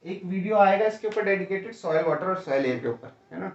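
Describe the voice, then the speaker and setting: A man's voice: high-pitched, lively intonation, brisk. A male teacher giving an exam-prep lecture, explaining step by step and often checking in with "है ना?" and "ठीक है?", calling students "भैया". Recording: roomy, distant, dull lo-fi sound.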